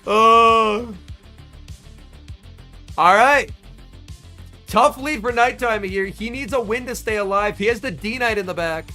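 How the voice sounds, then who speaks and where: A slightly sick young man streams live from a tournament watch party, chatty and excitable, replying to chatters by name. His voice sits high, his pace is moderate with few pauses, and faint music plays behind him.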